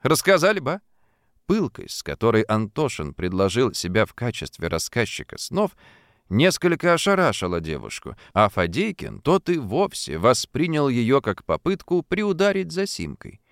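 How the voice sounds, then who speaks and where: Man, audiobook narrator, expressive, lively pitch, dry close sound. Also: moderate pace, no echo. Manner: vivid, storytelling delivery.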